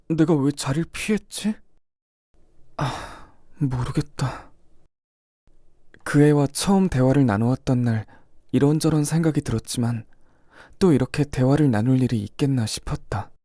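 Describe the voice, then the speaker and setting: A man voicing a shy, quiet teenage schoolboy in an audio drama, speaking hesitantly with stammers. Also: on the high side, dry recording, studio quality, close to an everyday voice. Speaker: narrator and lead.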